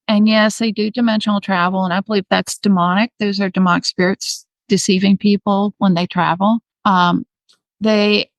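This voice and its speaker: A woman guest answers questions in an earnest, halting way, often pausing with ums and starting over. Her voice sits in a middle pitch and sounds dry and close, with no room echo. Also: gravelly. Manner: earnest, many ums and restarts. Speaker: interview guest. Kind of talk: remote interview conversation.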